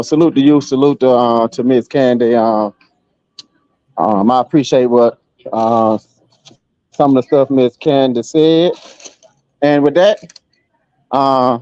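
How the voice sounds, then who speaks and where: Relaxed man calling in to a live panel, slangy and full of fillers, dull dry call line. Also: medium pitch, no echo. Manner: laid-back, slangy, lots of "uh" and "um" fillers. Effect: voice coming through an online call, dull and sometimes breaking up. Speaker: guest speaker on a live talk panel. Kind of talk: casual chat.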